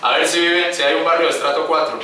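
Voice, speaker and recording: A man's voice: a little high, little pitch movement, fast talker, pushed and bright, a little hiss or hum. A man preaching a sermon to his congregation, calling them brothers and acting out the voices in the scripture he tells. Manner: addresses the congregation as brothers, acts out quoted voices. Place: church hall. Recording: echoey room, picked up from a distance.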